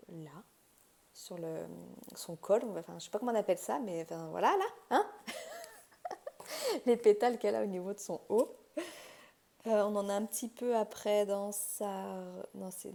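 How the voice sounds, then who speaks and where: A woman's voice: mid-range voice, creaky, darkish tone. A woman hosting a crafts channel, casually talking through an unboxing and thinking aloud with many fillers and restarts.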